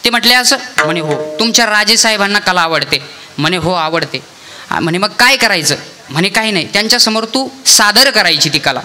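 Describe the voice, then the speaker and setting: With faint music in the background, a young man preaching kirtan delivers a devotional sermon, voicing each character's lines as he tells a parable and invoking the deity between passages. His voice sits high and sounds pushed and bright, animated and brisk.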